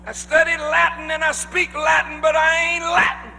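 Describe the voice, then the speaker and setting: A male preacher delivering a sermon to a congregation in a large hall, speaking emphatically with drawn-out phrases that rise to shouts. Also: very high-pitched, completely flat delivery, creaky, faint music behind. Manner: addresses the congregation directly. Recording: long reverb of a large hall.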